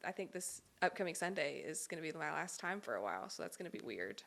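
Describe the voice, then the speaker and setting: In an interview conversation, a young adult singer who is pregnant speaks fast in a deep, gravelly, sing-song voice with a bit of brightness. She's a little breathless as she answers openly and thoughtfully, laughing lightly and saying um often.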